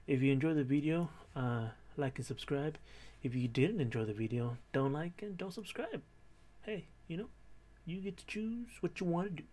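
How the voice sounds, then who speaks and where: A man in his thirties talking casually to camera in a quiet, low but clear voice, hesitantly thinking aloud as he goes. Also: animated, normal speed, few pauses. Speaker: host of a reaction and discussion video. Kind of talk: casual unscripted commentary to camera. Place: small bedroom in an apartment.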